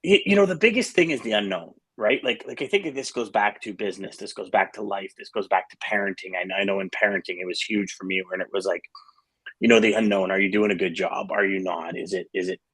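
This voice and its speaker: A man's voice: sits low, fast talker, fairly bright tone, husky. A middle-aged man hosting a casual morning show, talking in a rambling way with restarts and fillers. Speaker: host.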